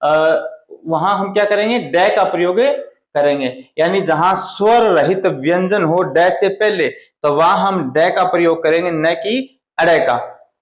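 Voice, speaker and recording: A man teaching a Hindi grammar lesson at the board, asking questions and answering them himself, slowing down hard on key words. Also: sits high, reverberant. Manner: drawn out slow on key words.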